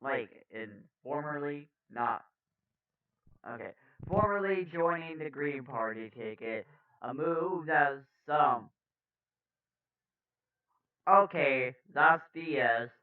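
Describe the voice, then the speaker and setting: A man's voice: fairly high pitch, lively intonation, slow, long pauses. A man, a political commentator, reading the news aloud with blunt, profane, sarcastic asides. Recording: dull lo-fi sound, off-mic.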